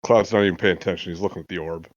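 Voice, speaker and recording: A man's voice: low voice, steady tone, racing, dry recording. A man playing a tabletop game, cracking dry jokes in casual chat. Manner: joking, dry quips. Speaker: player. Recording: dull lo-fi voice chat mic.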